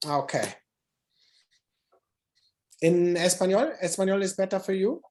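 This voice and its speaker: Over a video call, a moderator opens an online conference session, speaking with a medium pitch, an animated energy and a somewhat dark tone. The delivery halts and restarts often, and the occasional phrase from another language slips in.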